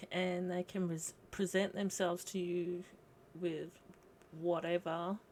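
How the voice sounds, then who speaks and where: Woman, livestream host, slow pace, gravelly fry, reflective, rambling, faint noise behind. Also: medium pitch. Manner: rambling, reflective, pausing between short phrases. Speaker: host of a live video commenting on folklore. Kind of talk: casual livestream chat.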